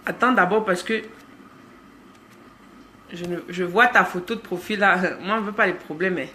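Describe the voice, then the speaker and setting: Lively Cameroonian woman live-streaming. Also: on the low side, moderate pace, slight background noise. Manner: lively, greets viewers by name, teasing. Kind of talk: casual live-stream chat reading comments.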